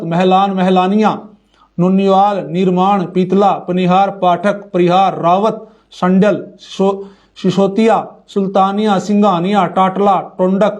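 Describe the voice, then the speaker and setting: A Haryanvi man with a high voice reads names out one at a time, slow and deliberate. Between the lists he speaks more briskly and addresses his listeners as friends. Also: darkish tone. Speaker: community speaker. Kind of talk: informal talk reading lists of clan names.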